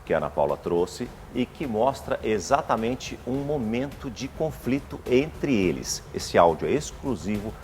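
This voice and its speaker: A man's voice: mid-range voice, sing-song, moderate pace, hardly any pauses, a little mellow. A man presenting on a television show, formally introducing an exclusive audio clip. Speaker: TV show host. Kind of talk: broadcast presenting. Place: television studio.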